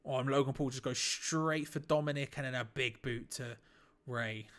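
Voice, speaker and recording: Excitable man calling wrestling live. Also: medium pitch, normal speed. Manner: excitable, breaks into shouts at big moves; casual, blunt, swears lightly. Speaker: watch-along streamer. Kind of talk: live play-by-play reaction commentary.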